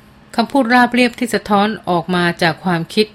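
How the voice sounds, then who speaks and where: A woman's voice: medium pitch, fast. Woman reading a novel aloud. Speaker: audiobook narrator. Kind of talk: scripted narration of a novel.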